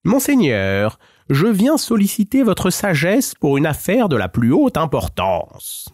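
A man voicing a sly male talking cat in a storybook who speaks in a courtly, flattering way. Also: a little high, a little slow, no room sound, studio quality, voice pushed up, full character voice.

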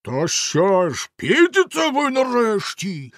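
A man voicing a cruel, stern husband who threatens slowly and shouts in rage. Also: medium pitch, lively intonation, no room sound, studio quality. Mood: shouting.

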